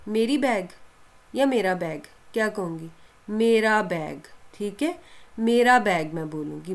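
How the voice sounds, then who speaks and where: A woman teaching a language lesson step by step, asking questions and answering them herself, repeating key points and reassuring her students. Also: medium pitch. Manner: reassuring, encouraging.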